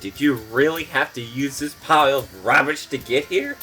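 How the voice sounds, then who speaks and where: A man's voice: mid-range voice, normal speed, pushed and bright, soft background music, natural voice. A man voicing a grumpy, sardonic talking train in a cartoon. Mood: grumbling.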